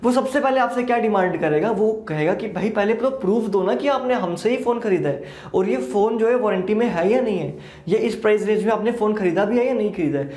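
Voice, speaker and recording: Man, accounting lecture, fairly high voice, echoey classroom. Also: brisk, darkish tone. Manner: mixes Hindi and English, asks and answers his own questions. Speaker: accounting teacher. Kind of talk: exam-prep lecture. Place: classroom with a board. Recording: echoey room.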